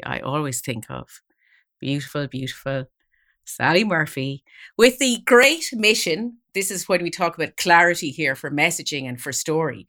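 A woman's voice: sits low, pushed and bright. A woman hosting a podcast, introducing and interviewing in an effusive, encouraging manner. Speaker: podcast host.

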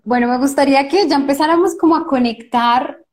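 A woman's voice: high-pitched, fairly quick, darkish tone. A woman, hosting a podcast, telling a personal story in a chatty way and quoting her own thoughts. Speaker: podcast host. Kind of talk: casual podcast conversation.

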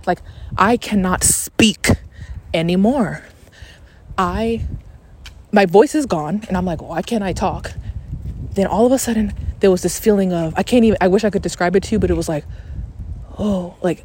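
A woman's voice: medium pitch, dark tone. A woman podcast host telling a personal story in a casual monologue, outdoors in the wind, candid and swearing freely. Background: wind noise.

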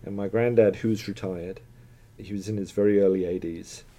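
A man's voice: sits low, steady tone, fairly quick, mellow. A man from South Florida co-hosting a podcast, telling rambling, anecdotal stories in a casual chat and slipping in dry jokes. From South Florida, USA. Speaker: podcast co-host.

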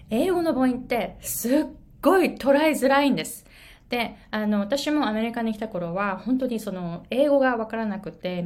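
A woman in her forties, a pronunciation coach whose first language is Japanese, teaching in a casual video lesson and telling stories with lots of fillers. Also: medium pitch. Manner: animated storytelling with many fillers.

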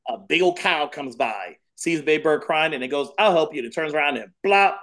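A man's voice: a little high, fairly quick. A man in his thirties talks casually as a dance coach on a podcast. He tells his stories with plenty of energy. He keeps repeating key phrases to drive them home. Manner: animated storyteller, repeats phrases for emphasis. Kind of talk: casual interview chat.

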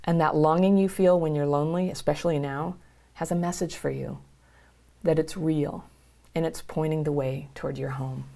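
A woman who works as a trauma healing coach, speaking straight to her viewers in an earnest, encouraging self-help talk, with a soft laugh now and then. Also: low voice, creaky.

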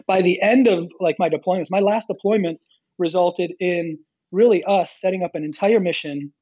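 A man's voice: sits high, normal speed, a little mellow, breathy edge, no room sound, muffled recording. A middle-aged American man answering in an interview, telling stories informally and acting out bits of dialogue. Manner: informal, anecdotal, quotes dialogue. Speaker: guest, pastor. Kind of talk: conversational interview answers, storytelling.

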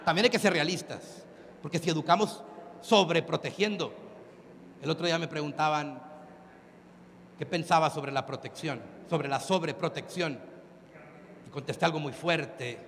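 A man's voice: a little high, normal speed, vocal fry, long pauses, a bit bright. A man with a Mexican accent giving a live motivational talk. He speaks emphatically, throws questions at the audience and uses crude slang. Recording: long hall reverb, faint ambience.

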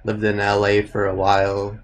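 Young Canadian man, music producer guest; low register, laid-back, rambling with ums and likes. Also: normal speed, poor audio. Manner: relaxed, thinks aloud with many fillers. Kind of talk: casual interview answers.

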